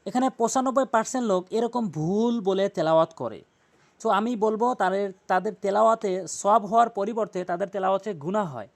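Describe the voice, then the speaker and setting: A man with a Bangladeshi Bengali accent teaching tajweed, spelling Arabic letters out slowly and chanting verses in long drawn-out tones. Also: sits high, gravelly. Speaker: Quran recitation teacher. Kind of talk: tajweed lesson with recitation.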